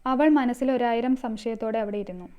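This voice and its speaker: Clear-voiced woman narrating a story. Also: fairly high pitch, a little fast, darkish tone. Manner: reads all characters herself, mostly in her own voice.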